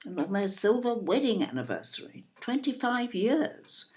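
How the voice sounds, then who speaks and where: In a natural, darkish voice of medium pitch, a woman performs an audio-play role as a fussy, snobbish older English mother who is indignant and emphatic. She speaks with an English accent in a sing-song way at a moderate pace, repeating herself and adding tag questions, all in aggrieved disbelief.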